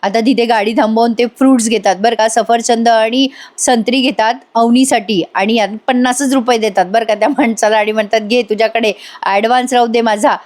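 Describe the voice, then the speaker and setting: A woman's voice: a little high, darkish tone. A woman narrating a chatty voice-over recap of a television serial, talking directly to viewers. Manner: chatty storytelling, addresses viewers.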